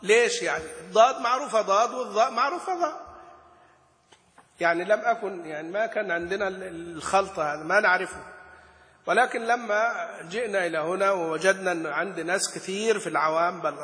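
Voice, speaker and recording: A man's voice: sits high, quick pace, sharp tone. A man teaching Quran recitation in a lesson. He explains a classical poem, sounds out letters aloud, chants the quoted verses and asks his students questions that he then answers himself. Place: Gulf region. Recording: echoey room with long reverb.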